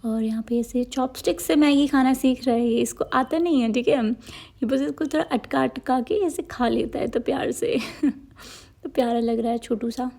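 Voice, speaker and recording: A young woman talks through her day for her vlog in a loose, chatty way. She rambles and keeps circling back with filler words. Her voice sits a little high. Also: moderate pace, creaky, mellow. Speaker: vlogger. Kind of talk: casual vlog narration.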